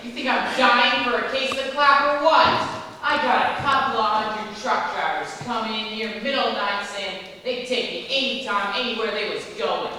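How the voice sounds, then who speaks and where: An actress playing a surly young diner cook, echoing across a stage. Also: female voice, fairly high pitch, normal speed. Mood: shouting. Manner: irritable, sarcastic, bursts into shouting. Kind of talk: stage play performance. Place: theatre stage. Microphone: distant room mic. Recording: echoey hall from far off, faint hiss.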